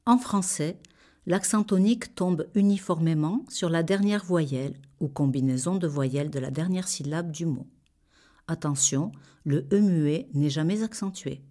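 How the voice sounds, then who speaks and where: A woman reading a scripted language lesson in a measured, clearly articulated way. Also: deep voice, mellow. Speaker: language teacher. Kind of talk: scripted instructional narration.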